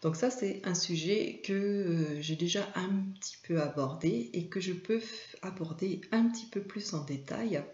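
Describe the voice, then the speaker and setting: A woman hosting her own video, explaining at an unhurried pace and pausing often on filler sounds. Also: fairly low pitch, a little mellow, reverberant, dull audio. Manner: hesitant, many filler sounds. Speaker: video host and image consultant. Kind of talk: informal talk to camera.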